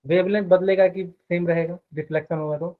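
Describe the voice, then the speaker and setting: Male physics teacher, slightly high voice, thin phone-like sound, asks a lot of questions. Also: fairly even intonation. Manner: explains step by step, quizzes students with quick questions. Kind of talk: live online class.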